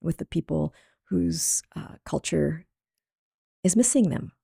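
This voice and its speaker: A middle-aged woman from Thailand, an artist guest speaking thoughtfully in an interview, pausing and searching for words. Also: low voice, vocal fry, dark tone, slightly rough, no room sound, studio quality. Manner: thoughtful, halting, laughs easily. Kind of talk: reflective interview talk.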